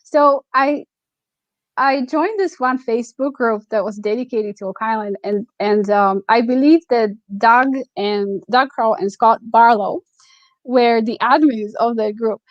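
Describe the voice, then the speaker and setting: A native Slovak woman with a Slovak accent touched by Nova Scotian, talking casually and reflectively as an interview guest, often pausing to find her words. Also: on the high side, no room sound, lo-fi sound. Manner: reflective, halting, searching for words. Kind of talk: casual conversational storytelling.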